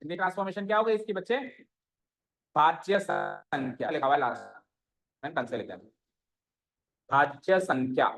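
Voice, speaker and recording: A man's voice: fairly high pitch, animated, moderate pace, long pauses, fairly bright tone. A male maths teacher giving a classroom lesson, asking the students questions and repeating their answers back to them, with English maths terms mixed into his talk.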